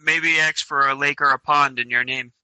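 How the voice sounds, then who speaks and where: A man playing a tabletop game, talking casually in a halting, effusive way. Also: medium pitch, steady tone, sharp tone, faint music behind, poor audio. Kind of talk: casual improvised play.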